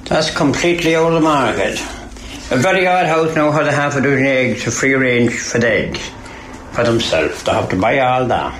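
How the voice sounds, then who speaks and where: A man's voice: mid-range voice, normal speed, a bit bright. An older man with an Irish accent, reminiscing informally for a documentary. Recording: echoey, with faint background noise.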